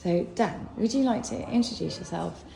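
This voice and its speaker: Woman hosting a casual gallery interview, gravelly fry, echoey room w chatter behind. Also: mid-range voice, normal speed. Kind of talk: informal interview. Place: indoor cafe gallery. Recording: echoey busy cafe, background chatter.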